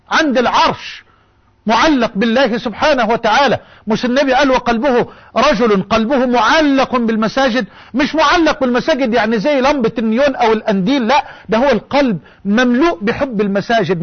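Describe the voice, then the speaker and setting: A man's voice: very high-pitched, muffled recording. A man with an Egyptian accent preaching a sermon, impassioned and rhetorical, moving between classical and colloquial speech. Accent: Egyptian Arabic.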